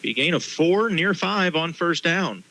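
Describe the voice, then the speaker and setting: Male football play-by-play announcer, slightly high, sharp and forceful delivery. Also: animated, a little slow, low-quality recording. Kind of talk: live high school football commentary.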